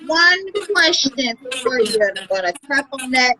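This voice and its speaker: A woman hosting her own podcast over a video call, chatty and quick to laugh. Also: high-pitched, expressive, bright, forceful tone, a little hiss or hum, poor audio. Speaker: podcast host. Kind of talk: casual chat.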